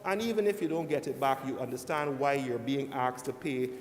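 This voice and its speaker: A man giving a formal speech as a senator, deliberately addressing the chair and often saying "sir". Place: large indoor legislative chamber. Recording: echoey hall, rumbling background noise.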